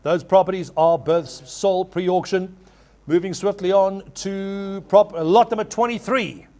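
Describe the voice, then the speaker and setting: High-pitched man calling an auction. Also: mellow. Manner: repeats figures in rapid chant when taking bids. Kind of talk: live property auction calling.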